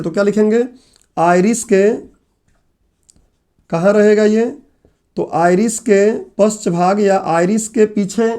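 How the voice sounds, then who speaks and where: A man's voice: high voice, a little mellow. A man giving an exam-prep lecture, repeating key terms and putting questions to his students. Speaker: teacher. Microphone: laptop on online class.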